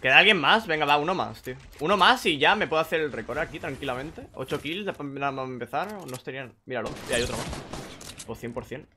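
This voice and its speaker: Excitable young gaming streamer. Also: male voice, fairly high pitch, fast talker, a little hiss or hum. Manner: excitable, swings from muttering to shouting. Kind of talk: live gameplay commentary. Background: faint gunfire from the game.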